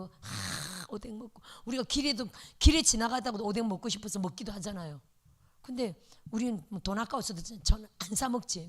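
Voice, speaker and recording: A middle-aged woman pastor preaching a sermon, telling a lively story and asking the congregation questions. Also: on the high side.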